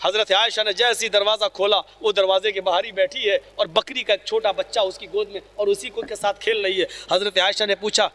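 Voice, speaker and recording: Dramatic male preacher, storytelling sermon, very bright edge, echoing hall. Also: high-pitched, flat delivery, hardly any pauses. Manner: dramatic, shifts between soaring and hushed delivery. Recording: long hall reverb.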